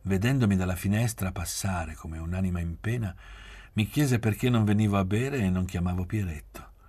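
A man reading a novel aloud in a measured, restrained way, often sinking to a near-whisper. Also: sits low, mellow, dry recording. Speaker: audiobook reader. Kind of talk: literary audiobook narration.

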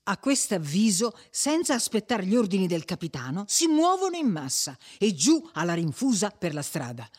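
A reader narrating a classic novel with expressive, suspenseful pacing. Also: mid-range voice, normal speed, hardly any pauses. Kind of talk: dramatic audiobook narration.

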